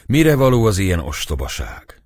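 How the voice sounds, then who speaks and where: A man's voice: low voice, huge pitch swings, darkish tone, dry recording, studio quality, pitched above the performer's own voice. A man reading an audiobook, voicing a stern old priest who admonishes and blesses a crowd. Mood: irritated. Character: stern old village priest, grave and commanding.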